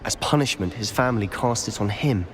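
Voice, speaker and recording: An actor playing a secretive, determined teenage wizard in a video game, speaking with hushed, deliberate emphasis. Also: male voice, on the low side, natural voice. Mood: grave, confiding. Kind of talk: video game dialogue acting. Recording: long reverb, noisy background.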